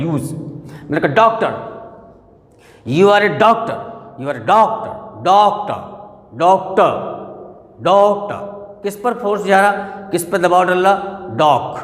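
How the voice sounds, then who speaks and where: A man's voice: high-pitched, fairly bright tone. A man teaching a spoken English lesson, who stretches out example words, repeats them and quizzes his listeners. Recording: echoey room with long reverb.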